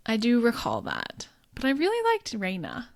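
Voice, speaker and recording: Playful woman with a lively voice. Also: on the high side, moderate pace. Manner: playful, teasing asides, many backchannels. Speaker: podcast co-host. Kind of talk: casual book review chat.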